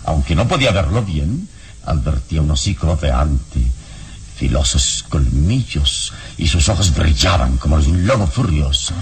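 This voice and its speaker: Kalimán, deep calm hero. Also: male voice, full character voice. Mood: calm recounting. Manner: measured, composed, explanatory storytelling. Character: calm, heroic adult male mystic adventurer. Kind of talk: vintage radio drama acting.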